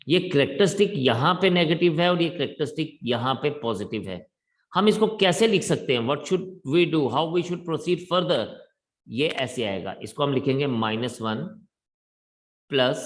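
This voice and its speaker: A man teaching math in a classroom lecture, talking slowly and deliberately in a mix of Hindi and English. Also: medium pitch.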